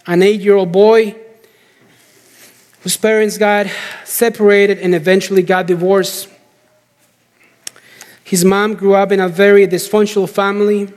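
A man telling a story as a preacher in a sermon, in measured short phrases with deliberate pauses. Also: high-pitched, a little mellow. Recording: long hall reverb.

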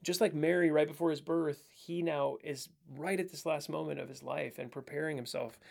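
A man's voice: a little high, fairly even intonation, moderate pace, gravelly, a little mellow. A man co-hosting a Bible podcast, talking through a passage in an earnest, reflective way and often quoting scripture. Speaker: podcast co-host. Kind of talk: casual Bible study chat.

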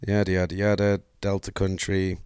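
A man's voice: sits low, completely flat delivery, moderate pace, darkish tone, smooth, no echo. A man, co-hosting a casual podcast chat and reading through his notes with lots of fillers. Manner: rambling, reads notes aloud with fillers. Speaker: podcast co-host.

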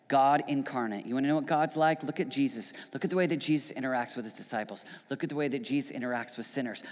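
A male pastor preaching a sermon, swinging from hushed passages to loud, shouting outbursts. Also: medium pitch, long reverb tail. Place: church hall.

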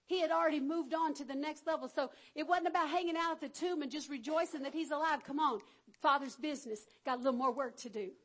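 A woman preaching an energetic sermon, calling out to the congregation and acting out the Bible figures in a folksy way. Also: sits high, fast.

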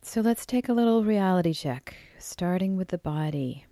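A woman yoga teacher guiding a relaxation meditation, soft and soothing, often trailing into a breathy near-whisper, with drawn-out phrases. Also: on the low side, lively intonation, dry recording. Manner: unhurried, with drawn-out phrases and pauses.

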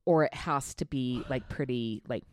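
A woman co-hosting a casual chat, animated and quick to laugh. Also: very deep voice, no echo, clean studio sound.

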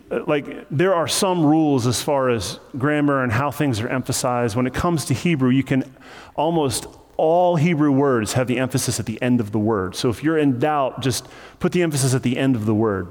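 A male pastor delivers a sermon in a relaxed, chatty manner, dropping in light jokes as he teaches. His mid-range voice rings out with a long reverb tail, as if from a large sanctuary. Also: mid-range voice. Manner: casual, conversational, joking asides. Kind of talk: sermon teaching through scripture.

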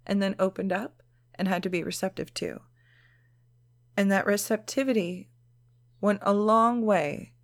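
A woman's voice: medium pitch, no room sound, studio quality. A woman hosting a solo podcast in a casual, frank, stoned-sounding drift, swearing freely as she talks. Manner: stoned, unhurried, drifting delivery. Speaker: podcast host.

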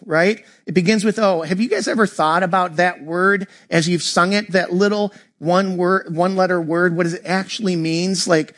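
A man's voice: sits high, fairly bright tone. A man, a pastor, preaching a heartfelt Christmas sermon and speaking straight to his congregation. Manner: earnest, heartfelt, directly addressing the congregation.

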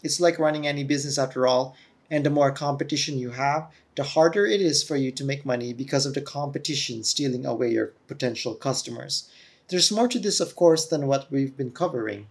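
A man speaks at a middling pitch in an earnest, lecturing tone, laying out points like a solo podcast host. His voice comes through a camera-mounted mic with a hollow, echoing, tunnel-like sound and a touch of feedback. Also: fairly quick, creaky. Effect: echoey tunnel-like sound with feedback.

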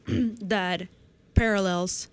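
A young woman in her twenties co-hosting a science podcast. She explains a research study piece by piece in a relaxed, conversational way, with a voice of ordinary middle pitch. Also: very slow. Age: 20s. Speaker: podcast co-host presenting science news. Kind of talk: casual science chat.

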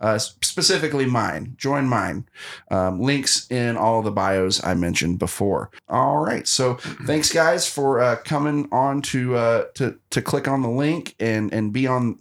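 A man's voice: mid-range voice, measured pace. A man in his late thirties hosting a podcast, chatting casually in a rambling, self-deprecating way with frequent restarts. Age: 30s. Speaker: podcast host.

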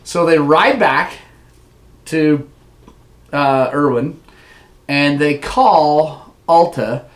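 A man's voice: fairly high pitch, extremely slow, long pauses. A man hosting a casual livestream who rambles through a story, laughs often and reads viewer comments aloud. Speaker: livestream host.

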